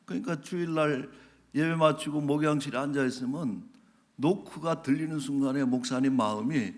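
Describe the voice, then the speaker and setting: A man preaching a sermon as pastor, telling a story with lively voices, dropping to whispers and laughing along. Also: a little high, moderate pace. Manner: animated storytelling, acting out quoted voices, drops to whispers.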